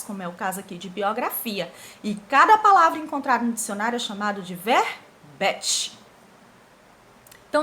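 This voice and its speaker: A woman's voice: fairly high pitch, a little hiss or hum. A woman teacher giving an online lesson to schoolchildren, asking the pupils rhetorical questions as she explains. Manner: animated, talks directly to pupils with rhetorical questions.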